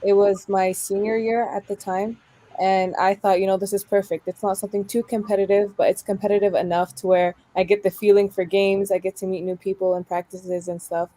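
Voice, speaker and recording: A woman's voice: medium pitch, little pitch movement, a little fast, dark tone. A woman in her twenties giving conversational answers in an interview. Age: 20s. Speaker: club soccer player and founder.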